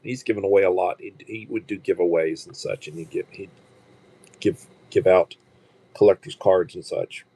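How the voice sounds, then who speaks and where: The recording is rough, and the voice is deep and mellow with a breathy edge. He's a man in his sixties hosting a casual livestream, rambling with fillers and stumbling into repeated restarts.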